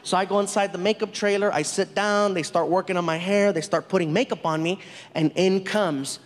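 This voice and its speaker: A male comedian telling a stand-up story on stage in a large venue, animated and quick to laugh. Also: sits high. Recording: long reverb of a big hall.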